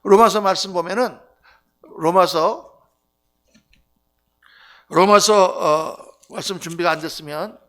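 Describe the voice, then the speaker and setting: A middle-aged male pastor giving a revival sermon, telling stories and acting out quoted voices, swinging between loud outbursts and hushed lines. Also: high-pitched, takes it slowly, pauses often. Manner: animated storytelling with sharp swings between loud outbursts and near-whispers; acts out quoted voices and repeats key phrases.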